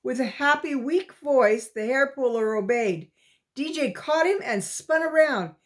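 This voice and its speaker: A woman reading a chapter book aloud as storyteller, in a slow and steady way. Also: high voice.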